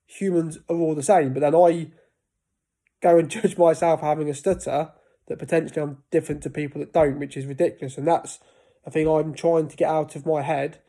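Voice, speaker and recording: Brisk and mellow, with fairly even intonation and a slightly high voice, a vlogger in his 30s talks to camera about having a stutter. He often interrupts himself and restarts words in the casual chat.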